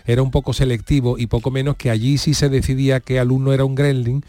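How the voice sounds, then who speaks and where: A man's voice: mid-range voice, little pitch movement, quick pace, mellow, dry recording. A man from Andalusia with an Andalusian accent, hosting a radio show in casual, chatty conversation in a studio. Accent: Andalusian Spanish. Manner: chatty storyteller, shortens words. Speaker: radio host.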